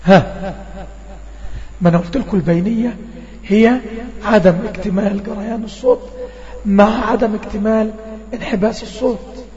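High-voiced Egyptian tajweed teacher. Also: male voice, fairly even intonation, dark tone. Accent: Egyptian Arabic. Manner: slow drawn-out demonstrations of recited words; checks in often with the class. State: voice a bit strained. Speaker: Quran recitation teacher. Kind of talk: online tajweed lesson. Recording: dull lo-fi audio with long reverb.

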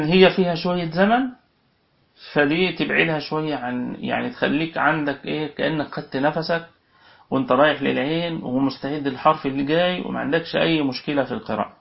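A man's voice: on the high side, vocal fry. A man with an Egyptian accent teaching a Quran recitation lesson, patiently explaining and sounding out letters aloud, then checking with his students. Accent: Egyptian Arabic. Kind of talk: online tajweed lesson. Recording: dull lo-fi audio.

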